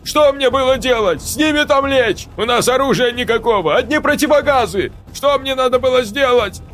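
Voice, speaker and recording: A man voicing a panicked young male corporal who stammers, gasps and shouts. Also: high voice, very animated, unhurried, creaky, soft background music, voice pushed up, heavily acted. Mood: hysterical. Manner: stammering, gasping, shouting in hysteria.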